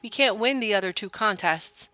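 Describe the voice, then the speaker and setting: A woman's voice: mid-range voice, animated, normal speed, bright, forceful tone, voice pushed up. A woman voicing a melodramatic old male farmer from a video game, folksy and theatrical. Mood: despairing, melodramatic. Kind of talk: video game character read-aloud.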